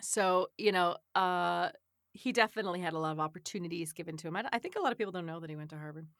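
A woman co-hosts a casual podcast, reading out trivia and then chatting about it with frequent laughter. Her voice is bright and a little low for a woman. The sound is dry, with no room echo. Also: fast talker. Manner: chatty, laughs often, reads aloud then riffs. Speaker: podcast co-host.

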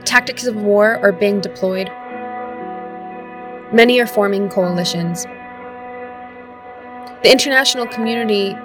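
A woman host reading a scripted introduction in a measured, even way. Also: medium pitch. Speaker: host narrator. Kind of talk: scripted narration. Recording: narration over guitar music. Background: guitar music.

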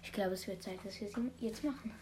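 A woman's voice: mid-range voice, quick pace, background noise. A teenage girl co-hosting a homemade podcast in casual chat, slangy and laid-back. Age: teens. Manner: slangy, keeps saying "Digga". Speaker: podcast co-host.

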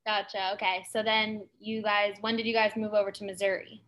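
A woman's voice: mid-range voice, level tone, fairly quick, a bit bright. A woman hosting a casual interview, asking friendly, encouraging questions. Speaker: host.

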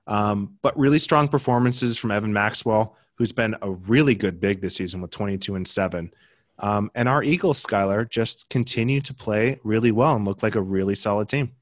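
A man's voice: on the low side, no room sound, clean studio sound. A young American man co-hosting a podcast, chatting casually about basketball results with plenty of fillers and restarts. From United States. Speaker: podcast co-host. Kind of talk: casual sports chat.

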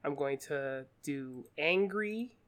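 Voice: mid-range voice, animated, slow pace, a bit bright. A player in a tabletop game, talking casually and swearing, and narrating what their character does.

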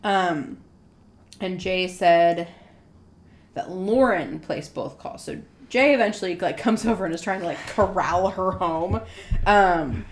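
A woman's voice: lowish voice, takes it slowly, a little hiss or hum. A young woman co-hosting a podcast, chatting casually and with many fillers as she tells a true-crime story. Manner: chatty, acts out quotes in a loud drunk voice. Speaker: podcast co-host.

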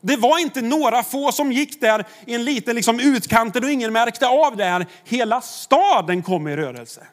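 A man's voice: extremely high pitch, animated, hardly any pauses. A man, a pastor, preaching a sermon in a conversational way, with rhetorical questions to the congregation.

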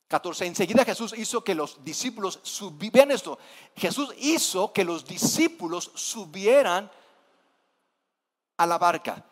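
A Mexican pastor preaching a sermon in a high, lively voice. He tells the story animatedly, slipping into acted-out voices for the characters. His words ring out with the long echo of a church hall. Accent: Mexican Spanish. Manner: animated storytelling, acting out scared disciples in high cries.

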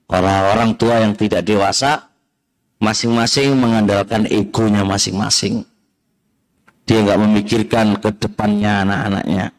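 A man's voice: lowish voice, steady tone, moderate pace. A middle-aged man with an East Javanese accent giving a religious study lecture, mixing in Javanese phrases and addressing listeners directly. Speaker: Islamic religious teacher.

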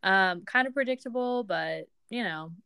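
Smooth-voiced young woman, rambling casual chat. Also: mid-range voice, lively intonation, normal speed, sharp tone, dry recording, clean studio sound. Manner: rambling, lots of ums and likes. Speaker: podcast co-host.

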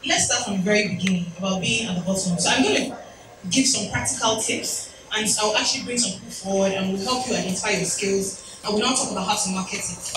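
Speaking fast in a medium-pitched voice, a woman in her thirties delivers a motivational event talk built on personal stories and chatty, self-deprecating asides. The event hall recording is noisy, echoey and captured from a distance.

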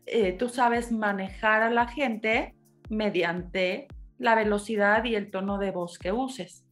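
A woman's voice: medium pitch, slow pace, faint music behind. A woman, a radio host, asking her guest questions in a thoughtful way. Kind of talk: interview conversation.

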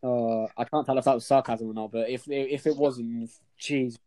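A young Englishman with a warm, mid-range voice speaks at a normal speed and with fairly even intonation. He's conducting a casual interview, chatting loosely, rambling, repeating himself and swearing.

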